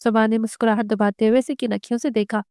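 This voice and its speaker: A woman reading a novel aloud in a steady narrating manner. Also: on the high side, quick pace, clear, resonant tone, no room sound, clean studio sound. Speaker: novel reader.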